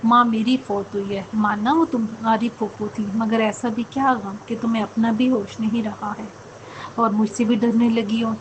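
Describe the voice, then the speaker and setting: A woman voicing a grieving young husband in a read-aloud story, her own high voice barely changed. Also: steady tone, slight background noise, lightly acted, low-quality recording. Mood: coaxing.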